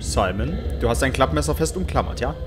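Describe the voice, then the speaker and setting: Sarcastic man in lively game commentary. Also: medium pitch, brisk, music in the background. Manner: joking and sarcastic, talks to the game character. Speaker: let's play host. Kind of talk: casual horror game commentary.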